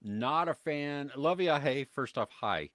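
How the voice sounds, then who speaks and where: Pitched on the high side and expressive, this American man talks slowly with a fairly bright tone, captured in a dry, clean studio recording. Co-hosting a live podcast, he keeps things casual, discussing movies and reading viewer comments amid frequent laughs and lots of fillers.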